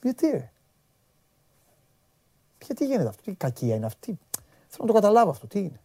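A man's voice: high-pitched, wildly swooping pitch, dark tone, slightly rough, no echo. Exasperated man scolding his viewers. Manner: scolding, exasperated, repeats himself when worked up. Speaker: sports show host. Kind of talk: heated live sports chat.

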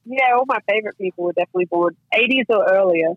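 A woman's voice: mid-range voice, racing, breathy edge, no room sound, phone-quality sound. An Australian woman in her thirties, a guest chatting casually on a podcast, saying "like" and "you know" a lot and swearing freely. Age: 30s. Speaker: guest, professional fighter.

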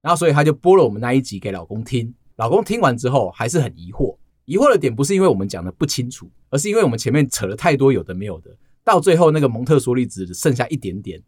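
A man co-hosting a podcast, telling stories in a casual, animated chat. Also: mid-range voice, fast, few pauses, husky, no echo. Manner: storytelling, animated. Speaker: podcast co-host.

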